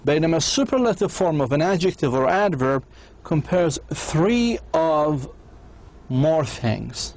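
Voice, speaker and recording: Male lecturer, unhurried delivery, a touch of fry in the voice, patient teaching tone. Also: a little high, big pitch swings, a little mellow. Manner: slow, explains in Arabic with English examples. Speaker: university English lecturer. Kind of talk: distance-learning lecture.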